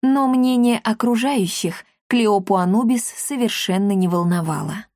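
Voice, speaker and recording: A woman reading a children's book aloud in an even, measured storytelling voice. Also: medium pitch, dry recording, studio quality. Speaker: audiobook narrator. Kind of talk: scripted narration of a children's book.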